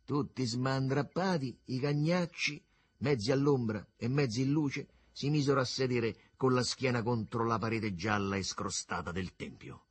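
A man narrating a literary novel with an expressive, swooping storytelling delivery. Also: mid-range voice, normal speed, husky.

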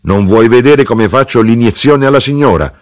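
A man's voice: mid-range voice, animated, moderate pace, no echo, clean studio sound, voice pushed up, natural voice. A man reading an audiobook and voicing a proud, insistent mother of fifty who teases and boasts. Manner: insistent, teasing, self-satisfied. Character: proud, bossy middle-aged mother, fifty.

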